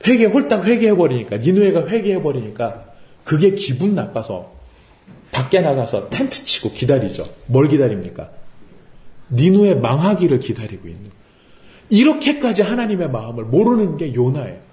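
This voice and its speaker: A man's voice: on the high side, sing-song, moderate pace, warm tone, roomy sound. A man preaching a sermon as pastor, asking rhetorical questions and acting out quotes. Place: worship service room.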